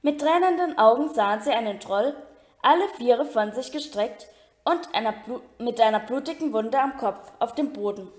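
A woman reads a story aloud in a steady, even storytelling way, now and then tripping and restarting a word. Her voice sits a little high. A roomy echo hangs around the recording. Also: normal speed. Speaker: reader. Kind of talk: amateur audiobook reading.

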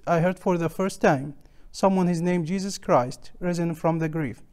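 A man's voice: on the high side, a little mellow, smooth. A man, earnestly telling his life story as a guest on a studio interview show, lapel mic. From Syria. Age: 30s. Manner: earnest, simple broken phrasing. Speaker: guest, ministry leader. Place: TV studio set.

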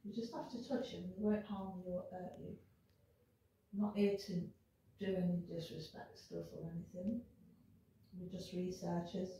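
A woman's voice: fairly low pitch, level tone, normal speed, warm tone. Echoey distant English woman coaxing spirits. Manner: coaxing, polite questions to spirits. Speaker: paranormal investigator. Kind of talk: ghost-hunting call-outs. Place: inside a church porch. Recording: echoey, distant and dull with faint hiss.

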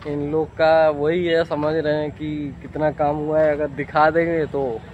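A man's voice: on the high side, level tone, unhurried. A young man chatting casually to viewers in a walking vlog, filmed outdoors on a phone held at arm's length. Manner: chatty, addresses viewers directly. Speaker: vlogger. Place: outdoors by a highway and fields. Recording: dull lo-fi phone audio, faint outdoor noise.

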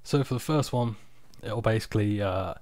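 Male, low-pitched, tired, casual screen-recording walkthrough, unpolished and informal, dry close sound. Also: moderate pace, a little mellow, no echo. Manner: informal, unpolished, off-the-cuff explaining. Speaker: software tutorial presenter. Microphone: external microphone, close and dry.

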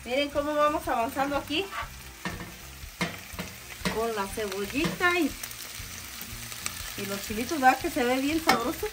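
High-voiced woman casually demonstrating home cooking. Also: expressive, a little slow, pauses often, background noise. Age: middle-aged. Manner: homely, explains step by step, checks in with viewers. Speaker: host of a home cooking video. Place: outdoor covered backyard kitchen.

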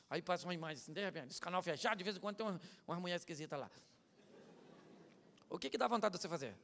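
A man preaching a humorous sermon as pastor, animated, acting out other people and swinging from shouts to mutters. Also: sits high. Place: large church hall. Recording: church hall with long reverb.

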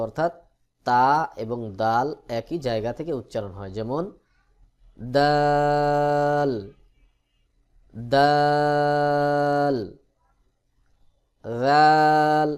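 A man's voice: mid-range voice, darkish tone. Patient male Quran teacher drilling letters. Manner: slow, patient explanation with drawn-out letter drills. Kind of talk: recorded lesson on letter pronunciation.

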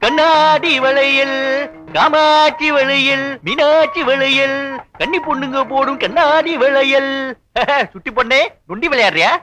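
An actor playing a forest officer in a 1980s film, talking in teasing, playful banter. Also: male voice, very high voice, lively intonation, fairly quick, over music.

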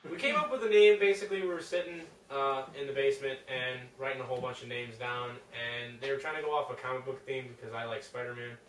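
A man's voice: mid-range voice, quick pace, hardly any pauses. A man in his twenties, a band guitarist, answering interview questions in a laid-back, rambling way. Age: 20s. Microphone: far camera. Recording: echoey room, far from the mic, faint noise.

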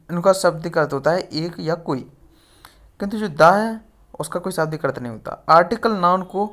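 A man teaching English grammar in Hindi, with an Indian accent, reading out example sentences slowly and deliberately. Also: a little high, a bit bright. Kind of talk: classroom lecture.

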